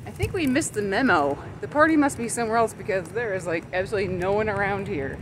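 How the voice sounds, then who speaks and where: A woman's voice: mid-range voice, fast talker. A woman in her forties, chatting upbeat as a travel vlogger while walking around. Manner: chatty and upbeat, exclaiming at sights. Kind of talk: casual travel vlog. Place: outdoors in a city. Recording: noisy outdoor street sound.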